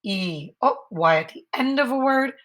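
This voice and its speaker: A woman teacher modeling writing for young children, thinking aloud patiently and slowly stretching each word into its sounds. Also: on the high side, expressive, fairly bright tone.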